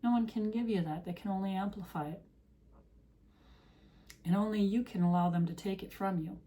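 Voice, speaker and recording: A woman's voice: mid-range voice, moderate pace, dark tone. A woman tarot reader speaking straight to her viewers in an earnest, preachy monologue of encouragement, her voice getting worn. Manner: earnest, preachy, direct address. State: losing her voice.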